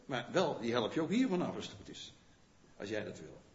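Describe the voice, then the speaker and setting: A man preaching a sermon in a conversational way, often asking the congregation questions and checking in with a quick "yes?". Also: medium pitch, very animated, creaky. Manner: rhetorical questions to the listeners. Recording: long church reverb, dull lo-fi sound.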